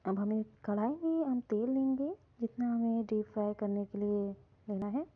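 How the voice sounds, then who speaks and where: A woman calmly narrating a step-by-step recipe in her home kitchen. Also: a little high, normal speed, slightly rough. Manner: calm, instructive, repeats "hum" often. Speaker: cooking channel host. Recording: dull lo-fi phone audio.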